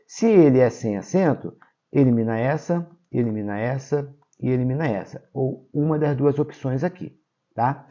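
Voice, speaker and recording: A Brazilian male teacher walks through a grammar lesson for exams, checking in with his students after each point. His voice is mellow and warm, and he pushes key words up in pitch and volume for emphasis. The audio is a bit dull and muffled. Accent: Brazilian Portuguese. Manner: explains step by step, checks in with "tá?" and "ok?"; lively, stresses key words with jumps in pitch and loudness. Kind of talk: exam-prep grammar lesson.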